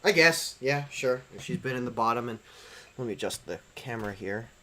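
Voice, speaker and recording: A man's voice: mid-range voice, animated, brisk, sharp tone. A man co-hosting a casual chat podcast, joking, sarcastic and swearing freely. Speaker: podcast co-host.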